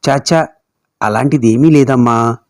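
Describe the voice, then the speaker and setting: A man voicing an elderly grandmother who talks to her grandson in a soft, coaxing way. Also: medium pitch, a little slow, dry recording, clean studio sound, close to an everyday voice. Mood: soothing. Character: caring elderly grandmother, gentle and soothing.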